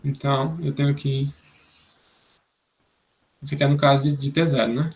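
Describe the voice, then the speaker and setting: This instructor, a young man from Brazil, runs an online coding class, explaining as he thinks through each step and tagging many lines with "né?". He speaks at a moderate pace in a mid-range voice that stays fairly flat in pitch.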